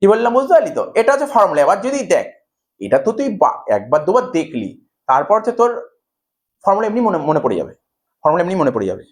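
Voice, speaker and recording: A man's voice: sits high, huge pitch swings, fast talker. A male commerce tutor with a Bengali accent, giving a whiteboard math lecture and coaxing students with constant checks that they follow. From India.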